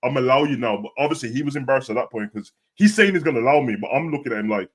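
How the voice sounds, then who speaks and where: Fast-talking young British roadman. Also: medium pitch. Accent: British urban street accent. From Birmingham, England. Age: young adult. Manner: roadman slang, animated retelling with quoted dialogue. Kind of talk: casual street storytelling.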